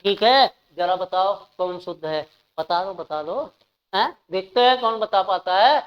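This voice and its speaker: A woman's voice: mid-range voice, animated, unhurried. A woman teacher, leading an exam-prep spelling lesson in a playful, coaxing way and calling students "my dear". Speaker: Hindi teacher. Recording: slightly dull, lo-fi audio.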